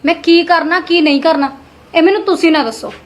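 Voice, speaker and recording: A young woman with a very high-pitched voice and fairly quick pace acts in a Punjabi short film. Her character, a spoiled, vain, sharp-tongued college-going daughter, snaps back at her sister-in-law and begs her father for money.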